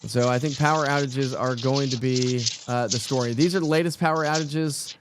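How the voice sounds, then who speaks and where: A man's voice: mid-range voice, fairly even intonation, fairly quick, background noise. A man presenting live severe weather coverage off the cuff, talking informally and directly to viewers.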